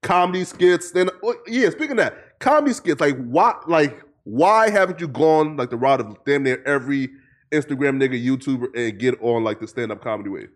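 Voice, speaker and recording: A man in his twenties talking in an excitable, slangy casual chat, full of swearing and "bro". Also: mid-range voice, fairly quick. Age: 20s.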